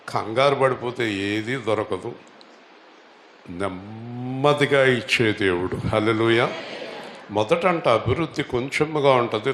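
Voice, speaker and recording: Male pastor, mid-pitched voice, preaching in a roomy church hall with faint ambience behind. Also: slight background noise. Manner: asks the congregation questions and has them repeat lines; rising to loud, high exhortation. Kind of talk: Telugu church sermon.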